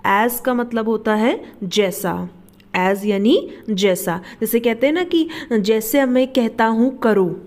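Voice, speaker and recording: A woman's voice: on the high side, takes it slowly, darkish tone. A woman teaching basic English words, spelling each one out, repeating it and asking the listener to say it back. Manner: patient, repeats each word and asks the class back. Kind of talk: slow spelled-out vocabulary lesson.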